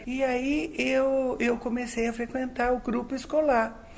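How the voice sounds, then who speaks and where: An older woman from Brazil telling childhood memories as an interview guest, a lively storyteller who acts out the dialogue. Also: high-pitched, a little slow, vocal fry.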